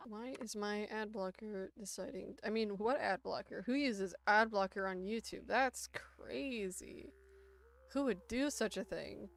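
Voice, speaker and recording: A woman's voice: mid-range voice, measured pace, creaky. A woman in her twenties, a bit congested, chatting casually and playfully while answering viewer questions on a livestream from a home desk mic. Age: 20s. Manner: chatty, playful, self-mocking. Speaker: artist streaming a Q&A. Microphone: desktop mic.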